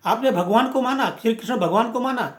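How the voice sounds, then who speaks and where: High-voiced man in an echoey room. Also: brisk. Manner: emphatic, rhetorical, repeats phrases. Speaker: movement speaker. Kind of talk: impassioned speech.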